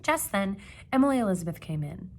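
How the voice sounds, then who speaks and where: A woman teacher reads a storybook aloud expressively, pausing for teaching asides and questions aimed at young listeners. Her voice is medium in pitch and her pace brisk.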